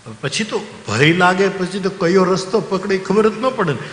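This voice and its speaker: A man, a religious storyteller who tells a devotional story sermon in a folksy, animated way. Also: high voice, moderate pace. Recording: roomy hall with long reverb.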